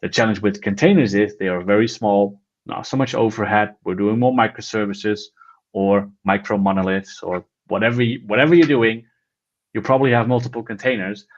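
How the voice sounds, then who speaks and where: A lower-pitched man talks through a casual tech conversation with eager enthusiasm. He rambles and restarts his sentences as he goes. The recording sounds a little dull and lo-fi. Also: steady tone, fairly quick. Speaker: podcast co-host.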